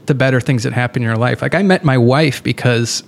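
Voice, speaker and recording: A middle-aged man from New Hampshire hosting an interview, talking in a relaxed, rambling way with frequent laughs. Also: mid-range voice, fairly quick, creaky. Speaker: podcast host. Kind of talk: casual interview chat.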